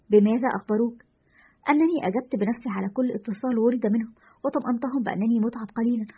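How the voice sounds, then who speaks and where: A woman's voice: fairly high pitch, husky. A woman voicing an anxious man calling a radio show, recounting unsettling events in a confessional, uneasy way. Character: anxious man caller, shaken by strange events. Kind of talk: storytelling narration. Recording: lo-fi dull audio.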